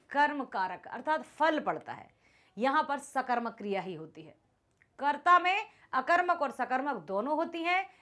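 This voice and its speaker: Lively, expressive woman teaching grammar. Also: high-pitched. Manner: explains patiently, checks understanding often. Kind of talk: grammar lesson.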